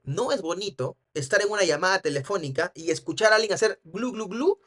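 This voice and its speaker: A man teaching a sales course, explaining a book in a casual way. He often ends points with a tag question and acts out quoted dialogue in a livelier voice. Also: high voice. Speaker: NLP trainer. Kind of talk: commenting on a book for students.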